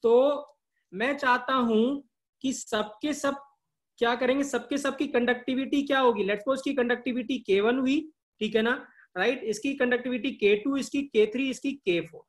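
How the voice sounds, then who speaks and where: A man's voice: very high voice, steady tone, moderate pace. A male chemistry teacher giving a live online class. He keeps asking questions and answering them himself, and drills key terms by repeating them.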